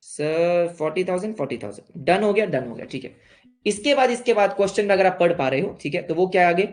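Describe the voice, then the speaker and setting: A man's voice: high voice, animated, fast. A young man with an Indian accent teaching an accounts lesson, playfully asking questions and answering them himself as a student would. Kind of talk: online class lesson.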